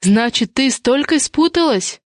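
A woman's voice: high voice, animated, no room sound, clean studio sound, voice pushed up. A woman reading an audiobook and voicing an anxious, stern older woman who manages others. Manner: slow, bewildered then stern.

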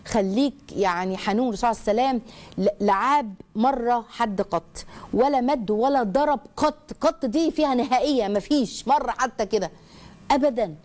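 A woman's voice: a little high, brisk, a little mellow. A woman with an Egyptian accent hosting a religious advice talk, earnest and emphatic, lecturing with many restarts. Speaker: advice show host. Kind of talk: religious advice talk, reading a listener's letter.

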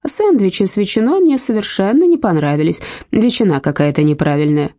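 Woman reading rude 86-year-old woman, blunt, cutting, dark husky tone, dry sound. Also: mid-range voice, expressive, brisk, no room sound, voice pushed up, close to an everyday voice.

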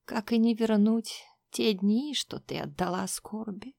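A woman voicing a grieving older mother in an audiobook, speaking slowly in hushed, often whispered pleas. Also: medium pitch, gravelly, no echo, studio quality. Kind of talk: audiobook reading.

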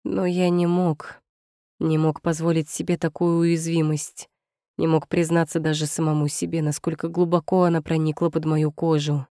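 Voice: mid-range voice, flat delivery, normal speed, dark tone, no echo, clean studio sound. An audiobook narrator reading a first-person romance in a tense, brooding, dramatic way.

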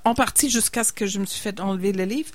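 A woman co-hosting a casual radio book chat, adding quick conversational remarks. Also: medium pitch, no echo.

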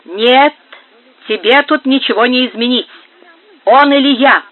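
A man's voice: extremely high pitch, unhurried. A man reading a heartbroken, jealous young man with anguished intensity, heard through a narrow phone-like sound.

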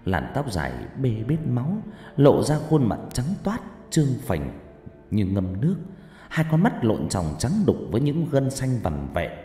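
A man's voice: medium pitch, sing-song, a little slow, mellow. A man reading a scripted horror story with a dramatic delivery. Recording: echoey, long reverb, music behind.

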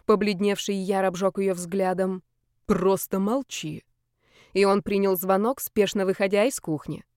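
A woman narrating an audiobook in a measured, even reading voice. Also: mid-range voice, clean tone, no echo, clean studio sound. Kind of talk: scripted narration.

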